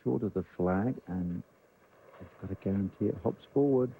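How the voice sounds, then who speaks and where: A man's voice: fairly low pitch, normal speed, phone-quality sound. A man giving live golf commentary in an analytical, explanatory way. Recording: faint background noise.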